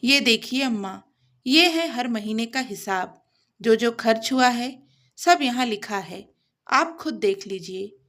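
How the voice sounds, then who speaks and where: A woman's voice: on the high side, animated, takes it slowly, a bit bright, exaggerated voice. A woman voicing a hardworking young wife who speaks earnestly and holds herself back. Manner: earnest, restrained.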